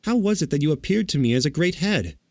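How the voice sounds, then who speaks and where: An earnest, plucky young girl , put on by a male reader, pitched well up high. The delivery is lively and exclaiming, in a dry storybook recording. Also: quick pace, no echo. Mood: bewildered.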